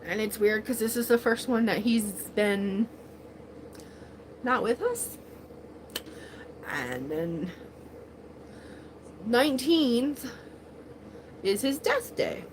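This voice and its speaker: A woman's voice: on the high side, very animated, slow, long pauses, noisy background. A woman in her forties chatting casually on a livestream, rambling with many fillers, laughing often and speaking with open emotion. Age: 40s. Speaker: livestream host.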